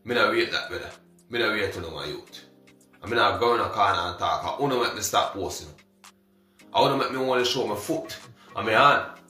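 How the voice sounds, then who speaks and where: An emphatic Jamaican man rants defiantly and keeps calling the listener brother. His voice is bright and forceful. He sounds roomy and set back from the mic. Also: lowish voice, a little fast, recorded from a distance, soft background music. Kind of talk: defiant social media rant.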